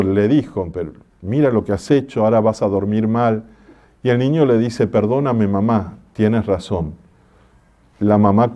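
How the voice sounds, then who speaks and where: A man, a parish priest giving a religious conference talk in a gentle, measured preaching manner with homely stories. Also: mid-range voice, highs cut off.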